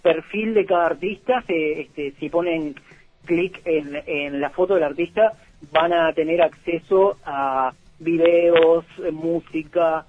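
A somewhat high, husky man talks about music as a radio guest. He hesitates often, filling gaps and restarting words. The sound is dull and lo-fi. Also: slow. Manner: hesitant, many fillers. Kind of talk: radio interview talk.

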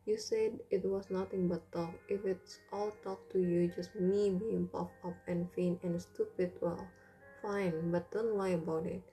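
A woman reading an audiobook voices a hurt, proud young man who is her narrator's oldest friend, speaking softly and bitterly. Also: fairly low pitch, fairly even intonation, unhurried, soft background music, rough recording. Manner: soft, bitter, defensive delivery.

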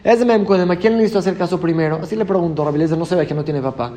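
Guy w a highish voice teaching gemara, reads the line then explains it, steady pace. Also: rapid-fire, a little hiss or hum. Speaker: Talmud teacher. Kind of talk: daf yomi lesson, reading Aramaic and translating.

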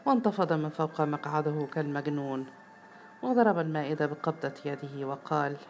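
A woman with an Egyptian accent narrating a story in a steady, storytelling way. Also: low-pitched, brisk, a little hiss or hum. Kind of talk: story reading.

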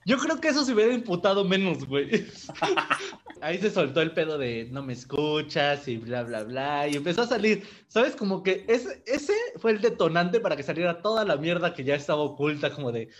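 A man's voice: high voice, sing-song, normal speed. A young man with a Mexican accent, co-hosting a casual podcast, joking and laughing often as he tells stories. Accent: Mexican Spanish. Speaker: podcast co-host. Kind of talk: casual chat.

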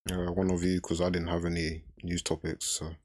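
A man with a deep voice and very little melody co-hosts a casual podcast. He sounds deadpan, choosing slightly mock-formal wording. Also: moderate pace, slightly rough. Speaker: podcast co-host.

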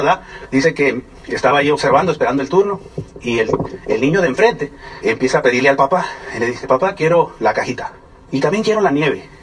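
A man's voice: a little high, a bit bright, breathy edge. A man with a Mexican accent telling a story to an audience in a conversational way and often asking them questions. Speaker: speaker giving a testimony. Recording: voice from far off the mic.

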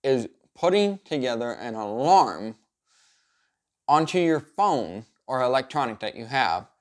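A man's voice: mid-range voice, big pitch swings, measured pace. A man coaching viewers in an upbeat, encouraging vlog style, laying out tidy instructional points and repeating some for emphasis. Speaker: self-improvement coach presenting a video series. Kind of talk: structured advice vlog talking to viewer.

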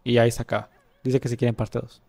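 Young male podcast host, Mexican accent, mid-pitched, joking, casual chat. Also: flat delivery, quick pace, warm tone. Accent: Mexican Spanish. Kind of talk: casual chat, reading a story aloud.

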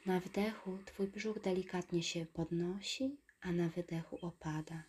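Woman meditation guide, soft whisper, very slow and lowish, faint hiss behind. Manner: slow, soothing, calm instructions.

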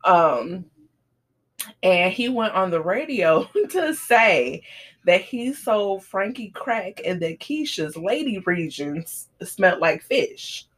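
A woman co-hosting a casual celebrity gossip chat, telling stories with animated, dramatic retellings. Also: mid-range voice, slow pace. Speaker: podcast co-host.

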